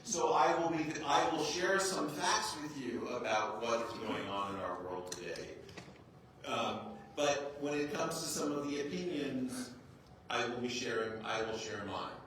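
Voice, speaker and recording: A crowd can be heard behind a medium-pitched man speaking animatedly and a little slowly. He's a rabbi from the United States, a native English speaker, giving a casual talk in a large echoey room, full of self-deprecating humor and "right?" checks. The distant clip-on mic captures heavy echo and faint noise.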